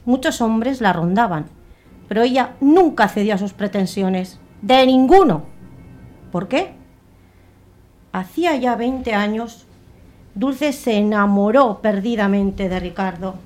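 A woman telling a dark story as a dramatic narration, slowing down and building up on the tense moments. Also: mid-range voice, soft background music. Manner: expressive, slows and swells on dramatic moments.

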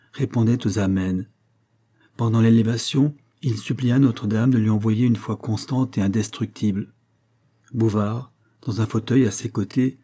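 A man narrating a classic novel as an audiobook in a measured, even reading. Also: on the low side.

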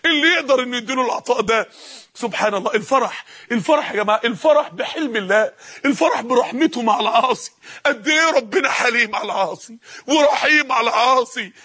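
A man's voice: very high voice, sharp tone, breathy edge. A male preacher with an Egyptian accent giving an impassioned sermon, telling stories and rising to cries. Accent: Egyptian Arabic. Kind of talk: emotional sermon.

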